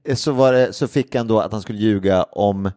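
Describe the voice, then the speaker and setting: A man in casual conversation, a lively storyteller who acts out the people he quotes. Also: on the low side, no echo, studio quality. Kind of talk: casual podcast chat.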